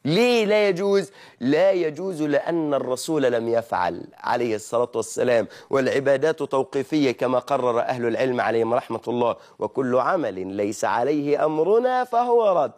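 A man's voice: mid-range voice, lively intonation, brisk, darkish tone. A man with an Egyptian Arabic accent giving a religious lesson, who asks his listeners questions, answers them himself and mimics wrong pronunciations to correct them. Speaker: preacher.

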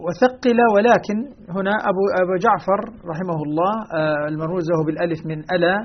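A man, a sheikh, explaining Quran readings in a religious lesson with quick affirmations. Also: on the high side, steady tone, slight background noise. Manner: rapid, explaining with short affirmations. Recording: dull lo-fi recording.

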